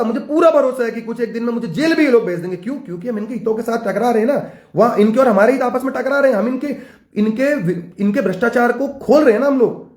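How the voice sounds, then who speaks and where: A young man speaking at a rapid clip, his voice pitched high as he drives his points home. He talks like a student leader giving a fiery political address, hammering the same phrases again and again. The sound rings off the walls of an echoey room. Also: darkish tone. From Uttarakhand, India. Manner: fiery, repetitive rallying rhetoric. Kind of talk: impassioned political address to camera.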